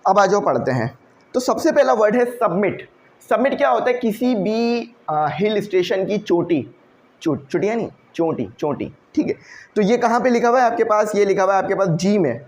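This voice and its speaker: A man teaching an English vocabulary lesson, who explains each word slowly, checks in with "okay" and puts questions to the class. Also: sits high, expressive.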